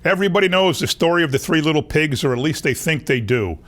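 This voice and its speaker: A man's voice: a little high, expressive, fast, a bit bright. A man reading a children's picture book aloud as a wolf who insists he was wronged, in a folksy, confiding way. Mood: confiding, defensive. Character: wronged, self-excusing male wolf telling his story. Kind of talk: children's storybook narration.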